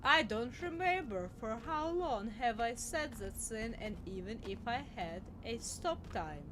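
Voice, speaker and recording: A woman streamer doing a stiff robot voice while commenting on a game, with flat, formal machine-like phrasing. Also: a little high, a little slow, noisy background. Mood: stiff robotic.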